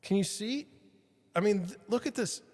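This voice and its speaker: Heard in a large hall, this man's voice is high and darkish, moving at a moderate pace. He's a podcast host casually talking to livestream viewers as he replaces his microphone mount, rambling and self-deprecating, with the studio mic's levels changing.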